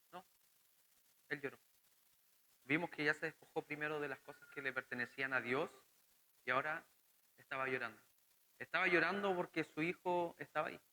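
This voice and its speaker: A man's voice: fairly high pitch, bright, forceful tone, low-quality recording. A young man with a Chilean Spanish accent preaching a sermon, earnest and conversational, asking the congregation questions.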